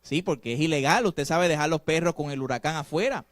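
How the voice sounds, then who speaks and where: A man preaches a sermon in a high voice, pressing his points with sudden swings from loud to hushed. He speaks straight to his congregation with rhetorical questions. The sound is dry, with little room echo. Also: brisk. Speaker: pastor.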